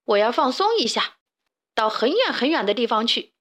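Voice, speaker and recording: A woman's voice: on the high side, very animated, moderate pace, a bit bright. A woman doing a huffy rooster leader. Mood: angry. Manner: huffy, indignant. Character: grumpy rooster father, chicken coop leader.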